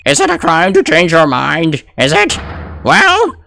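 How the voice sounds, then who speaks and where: A man's voice: on the high side, wildly swooping pitch, a little slow, vocal fry, bright, forceful tone, voice pushed up, exaggerated voice. A man voicing an indignant, querulous very old man from a courtroom video game, with music behind.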